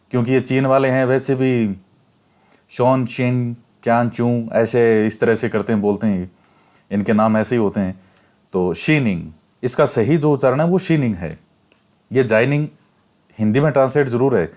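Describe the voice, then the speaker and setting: With a medium-pitched voice and an even pace, a man teaches a textbook chapter to his class. He reads a line, then explains it again plainly, step by step, repeating important facts for exam preparation.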